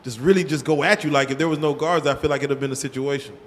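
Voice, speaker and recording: A man co-hosting a casual interview, firing off quick questions and interjections. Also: mid-range voice, long reverb tail, slight background noise. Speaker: co-host.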